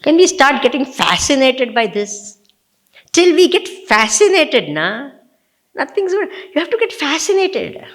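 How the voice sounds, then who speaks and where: A woman giving a spiritual discourse to an audience, animated and exclamatory, switching between English and Hindi. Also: high voice, a little slow. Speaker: spiritual teacher.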